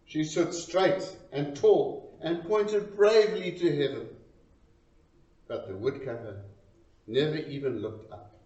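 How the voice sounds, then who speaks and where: A man reciting a storytelling poem in a dramatic, expressive and deliberate way, pausing between short phrases. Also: fairly high pitch. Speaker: reader of a poem. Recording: roomy, distant, dull lo-fi sound.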